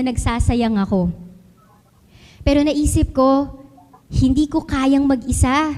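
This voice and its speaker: A woman's voice: sits high, a little mellow. A woman teacher with a Filipino accent gives a talk to a live audience, mixing Tagalog and English and asking the audience questions. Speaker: public school teacher giving a talk. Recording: long hall reverb.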